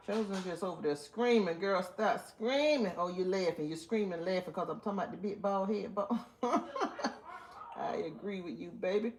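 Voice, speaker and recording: A woman's voice: mid-range voice, darkish tone. A woman hosting a casual live stream, chatting to viewers while she wraps gift baskets. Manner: chatty, talks to viewers while working, drawls some phrases. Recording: clear background noise with crinkling and clicks. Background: crinkling wrap and clicks from crafting.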